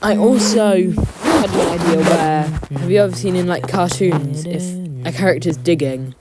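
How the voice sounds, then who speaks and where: A woman's voice: on the low side, normal speed, heavy background noise. A woman with a sore throat giving casual, chatty, joking commentary as she narrates her own drawing video. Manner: joking, self-deprecating asides.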